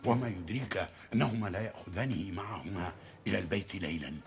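Casting: wary accomplice thief, low voice, hushed, period TV drama, music underneath. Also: male voice, fast, creaky. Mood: doubtful, secretive. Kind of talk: theatrical historical TV acting in formal Arabic.

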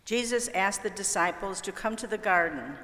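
Woman narrator, gentle children's storyteller; echoey church with long reverb. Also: mid-range voice, expressive, normal speed. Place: church sanctuary.

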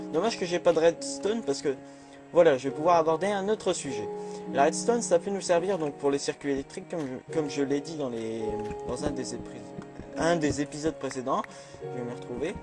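A man chatting through a game, nervous and quick to say he is scared. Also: a little high. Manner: jumpy, chatty, easily scared. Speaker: gamer. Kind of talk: casual let's play commentary.

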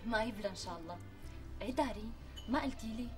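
An actress playing a nosy, teasing young friend in a TV sitcom. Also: female voice, a little high, animated, rapid-fire, close to an everyday voice. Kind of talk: TV sitcom acting. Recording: distant mic with clear music.

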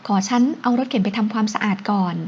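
A woman's voice: mid-range voice, fairly even intonation, fast talker, darkish tone, natural voice. A woman voicing a determined young wife who talks in an earnest, polite, coaxing way, on a dull recording with faint hiss.

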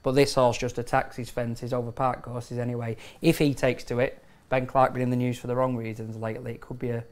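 A man's voice: medium pitch, level tone. A man tipping bets as a racing pundit, emphatic and tripping over words now and then. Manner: emphatic, with quick stumbles. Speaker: racing pundit, betting tipster. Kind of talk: analytical chat.

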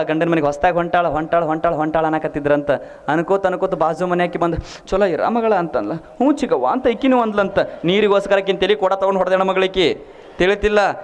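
A man with a North Karnataka Kannada accent giving a humorous storytelling sermon, often asking his listeners whether they follow. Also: high-pitched. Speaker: preacher.

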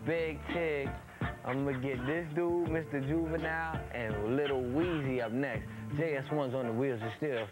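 A man's voice: mid-range voice, steady tone, moderate pace. A man hosting a TV show from a basement lounge, chatting casually with guests, teasing them and laughing often. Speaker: TV show host. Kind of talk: casual chat. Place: basement lounge with sofas and pool table. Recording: loud music behind on a camcorder tape.

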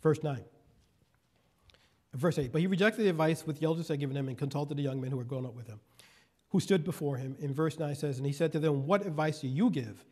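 A man's voice: a little high, a little fast, warm tone. A male guest preacher giving a sermon, reading scripture verses and then explaining them in folksy asides. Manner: repeats key phrases for emphasis.

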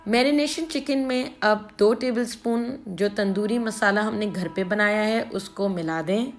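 A woman hosting a cooking channel, calmly narrating a recipe step by step. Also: medium pitch, measured pace. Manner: calm step-by-step instruction. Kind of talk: recipe voice-over.

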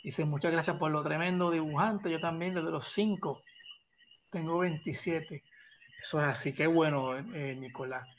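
A man's voice: fairly high pitch, moderate pace, dull audio, a little hiss or hum. Encouraging male live-stream host. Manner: affectionate, encouraging, reads chat aloud. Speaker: host of a live drawing show.

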